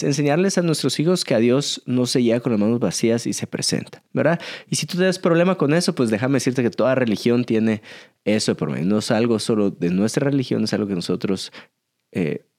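A man in his thirties with a Guatemalan Spanish accent, co-hosting a casual podcast, explaining things with a lively manner and frequent laughs. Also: mid-range voice. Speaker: podcast co-host, father, church member.

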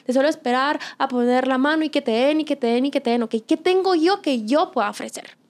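A woman's voice: high voice, brisk. A young woman, hosting a casual faith-based chat and giving earnest, encouraging advice with many fillers.

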